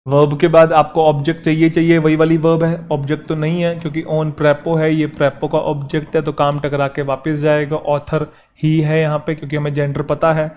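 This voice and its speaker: Man teaching grammar, lively and high-voiced. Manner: explains step by step, addresses students as "beta", reads example sentences slowly. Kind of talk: classroom grammar lesson.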